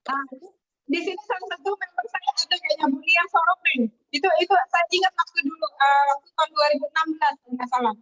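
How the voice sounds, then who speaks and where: High-voiced woman telling a lively story. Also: fast. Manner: animated, acts out quoted voices. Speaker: guest telling her success story. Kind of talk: casual storytelling. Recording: distant, dull lo-fi webinar audio.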